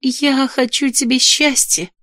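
A woman reading an audiobook, voicing a noble mother who speaks in a measured, formal, gently reproving way. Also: sits high, fairly even intonation, no echo, clean studio sound, pitched above the performer's own voice. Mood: tender. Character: noble mother, gentle but stern lady. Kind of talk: audiobook character voice.

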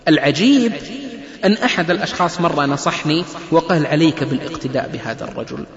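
A man's voice: a little high, fast. A man giving a religious lecture on family life, telling stories and acting out the people in them. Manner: lively storyteller who acts out quoted people. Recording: echoey hall, muffled lo-fi lecture recording.

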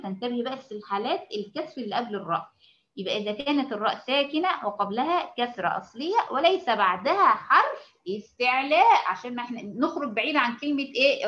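A woman's voice: on the high side, bright, forceful tone. Patient Egyptian woman teacher, dull audio. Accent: Egyptian Arabic. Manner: patient, repetitive, checks understanding often; stretches out example words slowly. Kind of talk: online lesson to female students.

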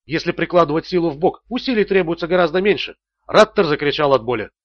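A man narrating a thriller audiobook in a steady, measured way. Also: fairly high pitch, no echo, highs cut off.

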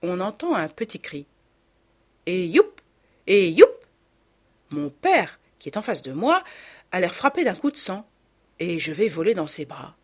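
A woman reading a literary novel aloud as an expressive audiobook narration. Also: on the low side, normal speed, husky. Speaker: audiobook reader.

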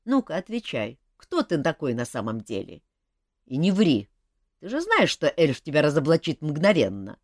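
A woman voicing a grumpy, stern man in a fantasy audiobook, gruff and lecturing. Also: low voice, wildly swooping pitch, normal speed, no echo, studio quality, pitched above the performer's own voice, full character voice. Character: grumpy, stern adult man, sharp-tongued.

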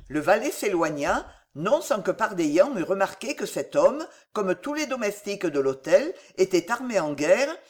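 An audiobook narrator reading a historical novel in an expressive storytelling manner. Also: mid-range voice.

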